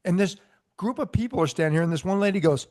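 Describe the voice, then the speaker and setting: A man, a former police sergeant, co-hosting a casual chat and telling a story with laughter and loud quoted shouts. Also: sits high, fast talker.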